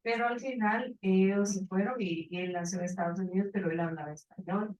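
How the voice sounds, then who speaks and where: A woman's voice: mid-range voice, steady tone, a little fast, a little mellow, roomy sound, lo-fi sound. A woman, a researcher, telling a chatty anecdote during a class with asides. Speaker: researcher and faculty member.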